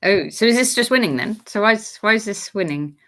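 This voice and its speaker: A woman co-commentating a chess game in a casual way, chiming in with short quick remarks about moves. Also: mid-range voice, lively intonation, a bit bright.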